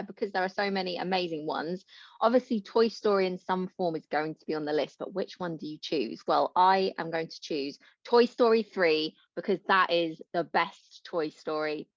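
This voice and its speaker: A woman guest on a podcast, chatting in a bubbly, animated, self-mocking way. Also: medium pitch, moderate pace, no room sound. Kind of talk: casual podcast chat. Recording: dull, slightly lo-fi dry sound.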